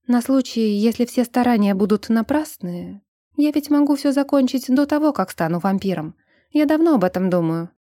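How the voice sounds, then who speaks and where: A stubborn young woman slowly turning vampire, played by a woman reading aloud, sharp and defiant in an audiobook. Her tone is mellow and dark, recorded close and dry. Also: on the high side, animated, no room sound, pitched above the performer's own voice. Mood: quiet earnest.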